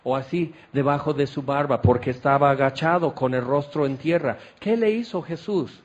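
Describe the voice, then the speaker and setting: A man's voice: fairly high pitch, moderate pace, highs cut off. A man preaching a sermon at a tent meeting. He tells the scenes dramatically, acting them out with exclamations.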